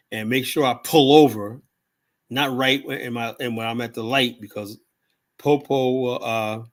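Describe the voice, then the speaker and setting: A man's voice: mid-range voice, pushed and bright. An older man in his seventies hosts a casual live stream. He rambles from one point to the next and speaks bluntly, with plenty of profanity and a habitual "you know?" at the end of his thoughts. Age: 70s. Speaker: livestream host.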